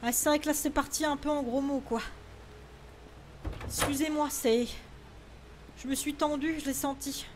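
High-pitched woman, jumpy horror-game streamer, tense and cursing, noise under the voice. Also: fairly even intonation, normal speed, pauses often. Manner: jumpy, swearing then apologizing. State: frightened, tense. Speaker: gaming streamer. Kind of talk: horror game let's play.

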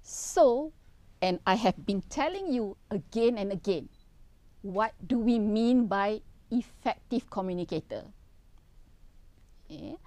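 A woman's voice: mid-range voice, expressive, takes it slowly, long pauses, a little mellow, no room sound. A middle-aged woman, giving a university lecture in an earnest, instructive way and repeating her key points. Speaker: university professor.

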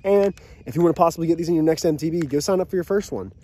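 A young man hosting a fishing vlog from a small boat on a lake, chattering excitedly into an action camera. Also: a little high, rapid-fire, husky. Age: young adult. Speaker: fishing channel host. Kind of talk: casual outdoor fishing vlog. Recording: outdoor boat audio with faint noise.

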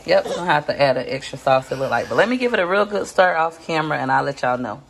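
A woman's voice: low-pitched, lively intonation, quick pace, vocal fry, a little hiss or hum. A woman filming a casual home cooking video, chatting folksily to her viewers while she stirs a pot. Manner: chatty, folksy, talks to viewers as Peach Patch. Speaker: cooking vlogger. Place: home kitchen.

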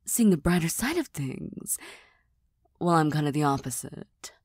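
Breathy low cat-girl, ASMR role-play by a woman. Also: unhurried, no echo, clean studio sound, heavily acted. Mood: shy, fond. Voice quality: soft, breathy. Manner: deadpan, gently teasing, hesitant. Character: tired, serious, self-deprecating young cat-girl best friend.

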